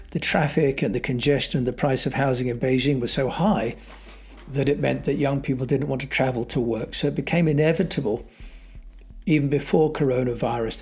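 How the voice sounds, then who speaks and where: A man's voice: medium pitch, creaky, a little mellow, husky. A man hosting his own podcast, talking through his thoughts alone in a conversational way, with fillers and the odd restart. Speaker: podcast host. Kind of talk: solo podcast monologue.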